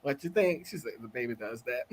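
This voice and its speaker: A woman's voice: very deep voice, very animated, brisk. A woman co-hosting a talk show, chatting casually and with animation, laughing and calling out to her audience. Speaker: co-host. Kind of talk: casual chat.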